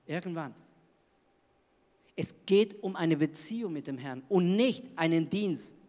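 High-voiced preacher in a reverberant hall. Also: male voice. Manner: emphatic, swings between loud bursts and hushed lines. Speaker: pastor. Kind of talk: sermon.

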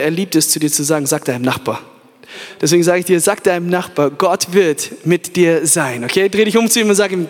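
Give me a high-pitched young man preaching animatedly to a crowd in an echoey hall. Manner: animated, hype, full of restarts and English fillers. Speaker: youth pastor. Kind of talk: energetic sermon. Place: large hall with live audience.

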